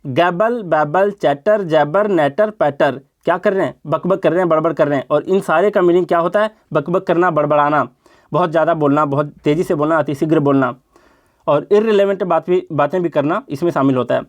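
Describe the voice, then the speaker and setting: A man's voice: on the high side, quick pace. A man teaching an exam-prep vocabulary lesson, explaining step by step, repeating words and asking rhetorical questions.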